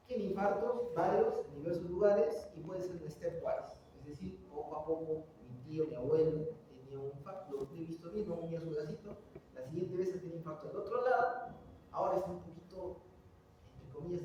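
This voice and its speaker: A middle-aged man giving a classroom lecture, animated and quizzing his students with rhetorical questions. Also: on the high side, moderate pace, highs cut off, slight background noise. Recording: echoey hall, voice from far off.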